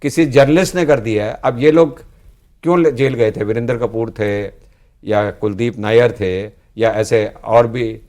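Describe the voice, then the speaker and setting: A man's voice: medium pitch, a little slow, darkish tone. An older man, a senior politician, earnestly explaining past events in a studio discussion in speech. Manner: earnest, explanatory, frequently ends with "जी". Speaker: political guest, former student leader.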